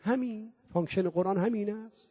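A high-voiced man delivers a mourning-gathering sermon, chanting scripture lines in a singing tone. He builds long emphatic lists and poses rhetorical questions to the congregation. The recording sounds muffled, lo-fi and very dry. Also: mellow, husky, no room sound. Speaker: preacher.

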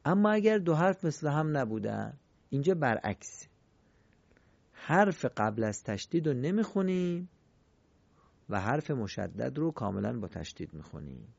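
A man teaching Quran recitation in a recorded lesson, explaining rules politely and chanting example words slowly and clearly. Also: fairly high pitch, mellow, no echo, dull audio. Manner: polite, formal teaching phrases.

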